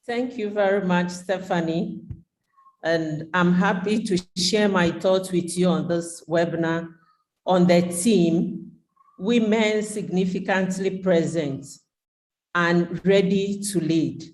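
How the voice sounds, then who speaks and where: A woman, a nun, giving a prepared talk in a measured, formal way over a video call. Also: on the low side, darkish tone. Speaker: nun and invited speaker.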